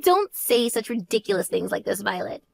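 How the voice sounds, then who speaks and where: A woman's voice: mid-range voice, sing-song, normal speed, creaky, dry recording, pitched below the performer's own voice. A woman voicing a spoiled, vain younger sister who boasts and taunts indignantly in a voiced story. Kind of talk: voiced text story dialogue.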